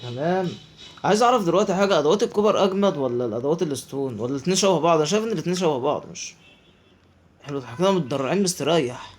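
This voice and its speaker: A man's voice: a little high, expressive, rapid-fire. A man with an Egyptian Arabic accent giving chatty let's play commentary, talking to himself and his viewers as he plays. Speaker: gaming YouTuber.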